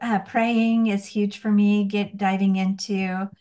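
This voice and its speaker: Slow-talking woman guest, halting. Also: mid-range voice, flat delivery, mellow. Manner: halting, restarts, laughs often. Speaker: guest, coaching client. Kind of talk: casual faith-based chat.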